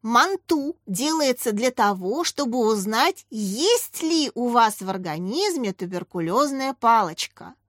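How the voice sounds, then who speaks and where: Woman voicing a patient school nurse, matter-of-fact, slow and clear, higher voice. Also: big pitch swings, fairly bright tone, no room sound, clean studio sound, exaggerated voice. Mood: explaining. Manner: patient, explaining.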